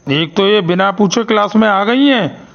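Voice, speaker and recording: A man's voice: sits high, expressive, normal speed, creaky, fairly bright tone, dull audio, full character voice. A man voicing a stern, bossy school principal who scolds his staff in a cartoon. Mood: scolding. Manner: scolding, threatens to fire staff.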